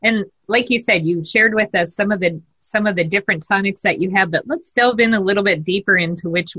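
A woman's voice: medium pitch, fairly quick, a bit bright, breathy edge. A woman hosting a radio talk show, upbeat and polished as she introduces guests.

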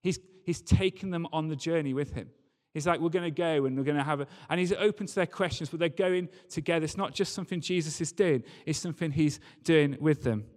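With a fairly high, slightly mellow voice, he moves a little fast and rarely pauses. The sermon mixes scripture reading with conversational commentary, recorded in a church hall full of long reverb.

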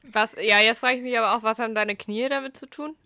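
A young woman co-hosts a casual podcast with a bright, fairly high voice. She talks playfully and teases a little, and the recording sounds close and dry. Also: fairly even intonation, fast talker, clean tone, dry recording. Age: young adult. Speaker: podcast co-host.

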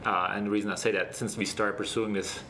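A man answering interview questions casually as a guest, speaking in an earnest, reflective and halting way. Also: lowish voice, little pitch movement, pushed and bright, slight background noise. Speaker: interview guest, startup founder.

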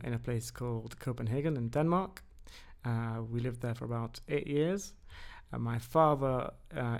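Gravelly man, halting with many fillers. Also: medium pitch. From England. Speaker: podcast guest. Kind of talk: casual conversation.

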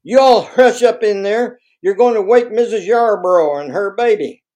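A man voicing a tired, exasperated mother who yells at her sons to hush with her mouth full. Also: high-pitched, normal speed, pitched above the performer's own voice, close to an everyday voice. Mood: scolding. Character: weary, exasperated mother scolding her boys.

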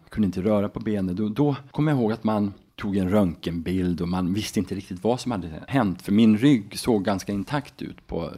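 A middle-aged man from Sweden, a podcast guest, telling a story in a relaxed, halting way with frequent tag questions. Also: deep voice, husky. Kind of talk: casual storytelling.

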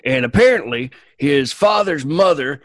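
A man's voice: fairly high pitch, expressive, a little slow, a bit bright, no room sound. A man co-hosting a podcast, playing a boastful, crude Southern space crewman who rambles through a recap, full of fillers and restarts. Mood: rambling. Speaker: podcast co-host. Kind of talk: comic in-character recap.

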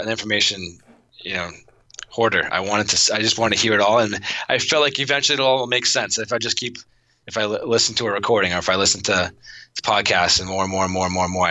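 A man's voice: on the low side, bright, forceful tone, no room sound. A man in his thirties talking casually as an interview guest, rambling with lots of restarts and fillers. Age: 30s. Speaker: podcast guest.

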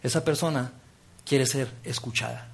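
A man preaching a sermon, engaging the audience with exercises and dropping to a soft, intimate tone for key points. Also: mid-range voice, normal speed, creaky, slightly rough.

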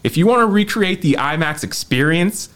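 A man in casual podcast chat, ranting about films with a profane, animated delivery. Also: fairly high pitch, moderate pace. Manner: profane, animated movie rant. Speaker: podcast co-host.

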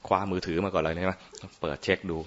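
Talking fast in a low voice with little change in pitch, a Buddhist monk delivers a relaxed dharma talk about meditation. He keeps it playful, quizzing listeners often, and the lo-fi audio sounds muffled.

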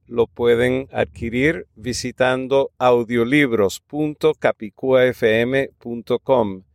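A man hosting a podcast, reading his script in a measured, precise way. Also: mid-range voice, vocal fry. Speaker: podcast host.

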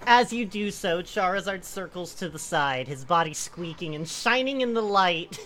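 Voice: medium pitch, lively intonation, moderate pace, fairly bright tone. A person reading a comic story aloud to friends, breaking off into casual, amused asides.

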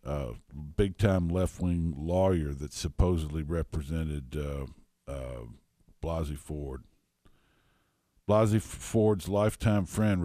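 A man's voice: deep voice, warm tone, no echo, clean studio sound. A man hosting a political talk radio show, reading commentary aloud in a combative, scornful way with asides and fillers. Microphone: radio studio microphone.

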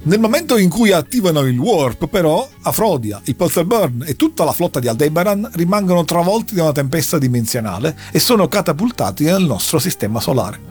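A man's voice: a little high, sing-song, a little fast, hardly any pauses, a little mellow, soft background music. A man recounting a long story in a casual chat, telling it with dramatic flair. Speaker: podcast host recounting an anime plot.

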